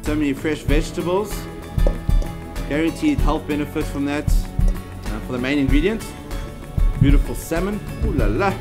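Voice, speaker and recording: Male food-show host, 30s, upbeat and gushing, slightly high voice, handheld mic outdoors at night, music bed. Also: brisk, long pauses. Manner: upbeat, exclaims over food. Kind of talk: enthusiastic on-camera presenting. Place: outdoor restaurant terrace at night. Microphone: handheld microphone.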